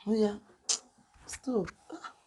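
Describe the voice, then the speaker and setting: A woman's voice: medium pitch, slow, mellow, breathy edge. Young Nigerian woman teasing in Pidgin. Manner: teasing, scolding, Pidgin-mixed chatter. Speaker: vlog co-host. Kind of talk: casual couple chat.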